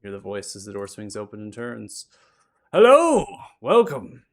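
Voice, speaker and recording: A man's voice: fairly low pitch, flat delivery, quick pace, vocal fry. A man narrating a tabletop role-playing game as its game master.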